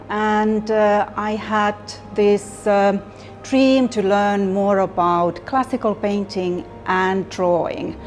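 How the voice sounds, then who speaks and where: Middle-aged Finnish-accented woman, unhurried and reflective, with soft music in the background. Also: medium pitch. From Finland. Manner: slow, thoughtful, with many pauses and fillers. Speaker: artist. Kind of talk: interview monologue.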